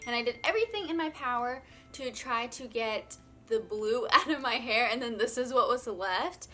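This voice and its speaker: A woman's voice: a little high, lively intonation, moderate pace, bright, forceful tone, soft background music. A young woman in her twenties chatting casually to camera in a beauty vlog, bubbly and filling her talk with "like". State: out of breath. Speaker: beauty vlogger.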